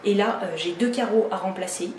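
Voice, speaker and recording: A woman's voice: mid-range voice, fairly quick, noisy background. A woman renovating her own bathroom talks casually to the camera, venting her annoyance with lots of fillers and restarts. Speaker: DIY renovation vlogger. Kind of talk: casual vlog talk. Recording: echoey room.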